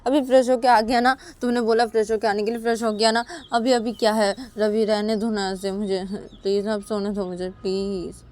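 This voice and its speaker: A woman's voice: medium pitch, little pitch movement, moderate pace, a little mellow, natural voice. A woman voicing Rahul, a sleepy young man who whines and pleads to be left alone. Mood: whiny. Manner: whiny, pleading.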